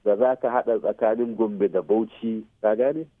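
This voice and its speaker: A man's voice: lowish voice, steady tone, normal speed, no echo. A man with a Nigerian Hausa accent explaining things as an expert radio guest, mixing in English technical terms and checking that the listener follows. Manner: checks listener follows with short tag questions. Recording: muffled phone-like radio sound.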